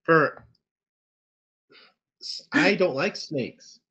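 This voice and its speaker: A man's voice: on the high side, extremely slow, pushed and bright, slightly rough, lo-fi sound. A man co-hosting a casual film review chat over a video call, talking in a dry, sarcastic way. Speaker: podcast co-host reviewing films.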